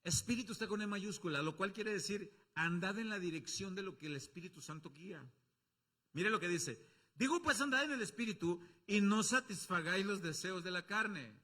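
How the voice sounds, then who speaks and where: A man with a Mexican accent preaching a sermon as pastor, swinging from loud calls to low asides and acting out quoted voices. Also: animated, normal speed. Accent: Mexican Spanish. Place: church.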